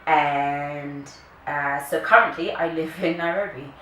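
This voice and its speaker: A woman's voice: low-pitched, slow pace, pushed and bright. A woman, chatting casually and playfully to camera as a vlogger. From Kenya, later the UK. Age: early 30s. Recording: echoey room, distant mic, faint noise.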